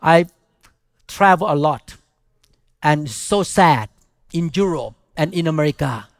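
A man's voice: fairly high pitch, lively intonation, slow pace, no echo. An older man with a Thai accent delivers a sermon as a pastor, speaking emphatically in short, repeated phrases. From Thailand. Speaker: pastor preaching.

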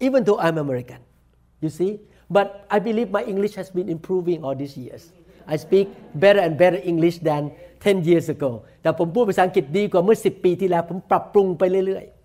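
Man, Thai accent, high-pitched, slow-paced, bilingual sermon, deliberate English. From Thailand. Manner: preaches each point in English then repeats it in Thai. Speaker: pastor. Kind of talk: bilingual sermon, self-translating.

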